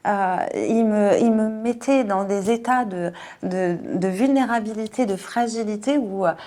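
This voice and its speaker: A woman in her forties tells her own story in an interview, earnest and emotionally charged. Her speech is halting, full of repeated words and small fillers. Her voice sits at an ordinary middle pitch. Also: warm tone. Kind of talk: personal testimony.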